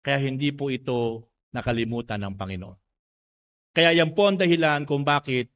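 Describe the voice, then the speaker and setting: A male pastor with a Filipino accent preaching a sermon, dropping to a hush and then climbing to loud emphasis, with rhetorical questions to the congregation. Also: medium pitch. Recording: dull lo-fi sound.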